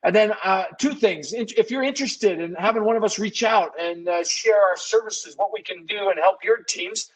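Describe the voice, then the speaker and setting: With hardly any pauses and a moderate pace, a man whose voice sits high hosts a casual live webinar Q&A. He's a business consultant who muses aloud and often amends his statements; the recording is rough.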